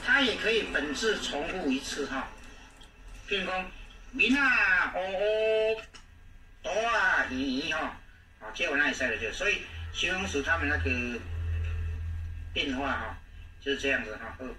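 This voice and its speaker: A man with a Taiwanese accent teaching a language lesson, repeating words slowly and often trailing off with "ha" and "oh". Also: medium pitch, lively intonation, sharp tone. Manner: repetitive, drawn-out, frequent "ha, oh" fillers. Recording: echoey room, distant mic, faint noise.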